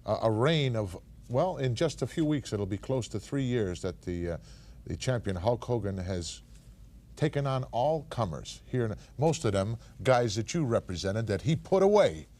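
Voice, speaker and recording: Man, mid pitch, enthusiastic hype, wrestling show host. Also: very animated, normal speed, darkish tone. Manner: enthusiastic, hyping. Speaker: studio host. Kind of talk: wrestling show studio chat.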